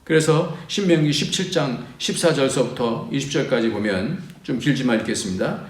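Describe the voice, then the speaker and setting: Man, pastor, sermon, mid-pitched voice, animated swings in pitch and volume, echoey room. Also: moderate pace. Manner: reads scripture aloud at length.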